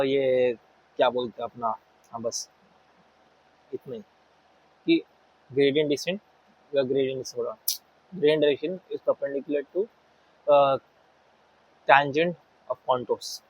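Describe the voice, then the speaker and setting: A young man explains math to students in a loose, chatty way, circling back over the same words. His voice is a little husky. The recording sounds dull and lo-fi, as if captured on a basic desktop mic at home. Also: medium pitch, a little mellow. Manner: explains informally, repeats words, mixes English terms. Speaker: math tutor. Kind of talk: casual Hindi-English lecture. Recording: muffled lo-fi recording.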